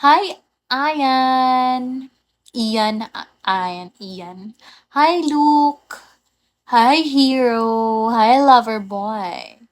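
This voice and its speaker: A woman's voice: high voice, very slow. A young woman hosting a casual livestream, chatting with viewers, greeting them by name and laughing often. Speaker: livestream host. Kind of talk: casual live chat with viewers.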